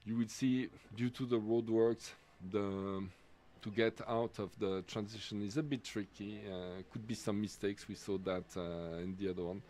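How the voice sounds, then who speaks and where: Man, swiss french accent, very low voice, halting sports commentary, lots of uhs. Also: fairly even intonation, darkish tone, slight background noise. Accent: French-speaking Swiss. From Switzerland. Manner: halting, many fillers and restarts. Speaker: race commentator.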